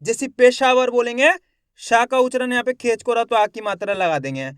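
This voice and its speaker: Man, reading teacher, high voice, clear and crisp, syllable by syllable, questions and answers himself. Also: a little fast, fairly bright tone, no room sound, clean studio sound. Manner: sounds out each syllable, then says the whole word drawn out; asks the viewers questions and answers them himself. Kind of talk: slow spelling lesson, syllable by syllable.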